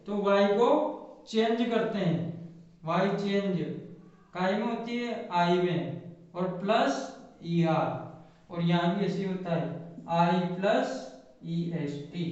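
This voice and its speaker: A man teaching grammar rules in a classroom style, spelling out words letter by letter and asking questions he answers himself. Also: high voice. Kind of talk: classroom explanation. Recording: echoey, distant, dull room sound.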